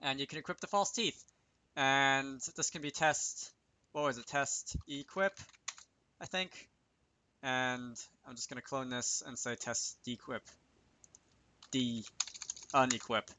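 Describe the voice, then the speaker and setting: Hosting a laid-back game programming tutorial, a man speaks slowly into a nearby desk mic with long pauses and fairly even intonation. His mid-range voice has a sharp tone, and there's a little hiss or hum as he mutters, thinks aloud, and corrects himself.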